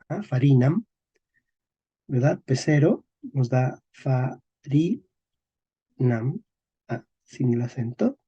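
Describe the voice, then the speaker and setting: A man teaching a class on historical sound changes, speaking slowly and deliberately, checking in with his listeners after nearly every phrase and repeating key words. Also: a little high, warm tone, husky, highs cut off. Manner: slow and deliberate, checks in constantly with "¿ok?" and "¿eh?". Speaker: teacher of Spanish historical phonology. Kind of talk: classroom lecture.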